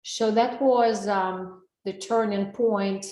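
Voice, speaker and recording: A woman from Russia, a wellness coach with a Russian accent, presents a heartfelt, personal live webinar via video call and asks the audience questions. Her warm, medium-pitched voice moves slowly with fairly even intonation. The computer-mic recording is reverberant and of low quality.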